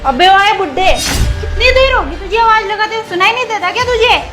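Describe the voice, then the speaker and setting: A woman's voice: extremely high pitch, animated, normal speed. A woman playing a rude, contemptuous daughter who insults her father, in melodramatic short-video acting. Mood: insolent. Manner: insolent, shouting. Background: music.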